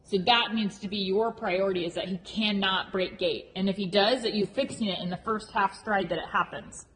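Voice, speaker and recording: A woman coach explains things informally and frankly, stressing and repeating her main points. Her medium-pitched voice rings in a long hall reverb, with noise clearly audible behind it. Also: steady tone, moderate pace, a bit bright. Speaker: horse riding instructor. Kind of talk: informal explanatory lesson feedback.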